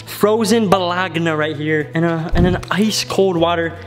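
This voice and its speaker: A young man with a high voice hosts a challenge vlog, teasing and excited. He speaks into a handheld camera, with loud music behind him. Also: moderate pace. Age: young adult. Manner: playful, teasing. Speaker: challenge host. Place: outdoors by a backyard pool. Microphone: handheld camera at arm's length.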